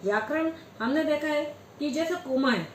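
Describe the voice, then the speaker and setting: A woman's voice: high voice, moderate pace, slight background noise. A woman giving a Hindi law lecture, asking questions and answering them herself. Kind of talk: classroom lecture. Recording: echoey room with faint ambience.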